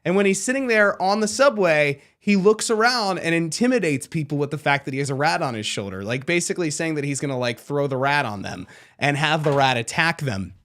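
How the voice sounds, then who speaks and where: A man's voice: a little high, expressive, a little fast, a bit bright. A man hosting a radio trivia segment in a playful quizmaster manner. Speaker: radio show host running trivia. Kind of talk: casual radio banter.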